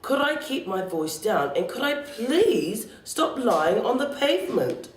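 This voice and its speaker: A woman voicing a patient, weary mother who speaks in a calm, reasoning tone. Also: fairly high pitch, a little slow, slight background noise, pitched above the performer's own voice. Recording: roomy, distant library recording.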